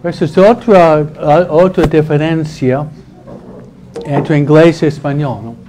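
A man's voice: a little high, takes it slowly, warm tone, a little hiss or hum, low-quality recording. A male priest teaching the commandments to a congregation in a conversational, humorous way, tagging his phrases with a questioning "no?". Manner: conversational, tags nearly every phrase with a questioning "¿no?"; humorous, chuckles at his own jokes.

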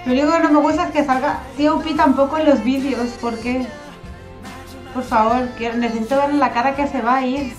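A woman's voice: high-pitched, fairly quick. Gushing young woman reacting. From Spain. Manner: gushing, excitable, repeats herself. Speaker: dance-cover group member. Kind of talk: music video reaction. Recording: faint music behind the voice.

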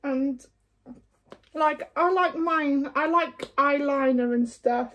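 A woman chatting frankly through a makeup tutorial, her voice going hoarse, with lots of fillers along the way. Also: high voice, takes it slowly, fairly bright tone. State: losing her voice. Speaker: beauty vlogger. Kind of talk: casual makeup tutorial chat.

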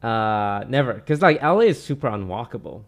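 A young man from Malaysia, chatting casually on a stream in a relaxed way, trailing off with many fillers. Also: medium pitch, fairly quick. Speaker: streamer answering questions. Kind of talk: casual chat. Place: small home streaming room. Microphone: studio mic on boom arm, headphones.

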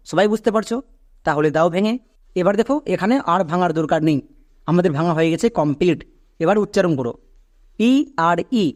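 A man's voice: sits high, darkish tone. A man gives a spoken English lesson. He takes it step by step, asks his learners questions and drags out each syllable when he sounds out a word. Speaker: English teacher.

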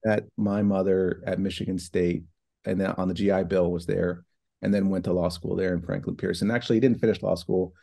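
Mellow-voiced man on a video call. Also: low voice, steady tone, fairly quick, vocal fry. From New Hampshire and Ohio, United States. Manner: thoughtful, many fillers and restarts. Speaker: guest, foundation president. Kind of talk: casual online interview. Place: home office with bookshelves. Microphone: video call from laptop.

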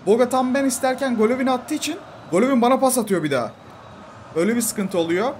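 A man giving casual, excitable live commentary over his own football video game match and talking to the players on screen. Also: very high voice, fast, slight background noise. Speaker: gaming YouTuber.

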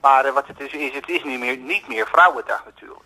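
A man with a crisp, forceful mid-range voice phones in to a radio show. He hesitates and circles back, repeating himself and padding his points with filler words. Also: medium pitch, brisk, a little hiss or hum, low-quality recording. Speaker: radio caller. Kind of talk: phone-in chat.

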